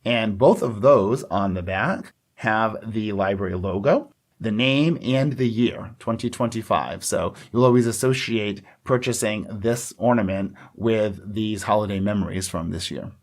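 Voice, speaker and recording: A man co-hosts a podcast, explaining things in a chatty, agreeable way during a casual chat that follows a scripted outline. His voice is lowish and unhurried.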